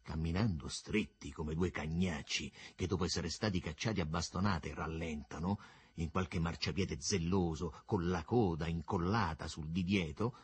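A man narrating a literary novel with an expressive, swooping storytelling delivery. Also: deep voice, husky.

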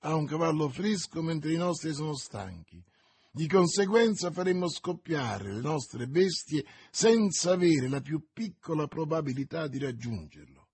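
A level-headed musketeer read by a man in a storybook reading. He talks calmly and reasonably in a husky voice close to the reader's own. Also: on the high side, measured pace, exaggerated voice. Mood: reasoning.

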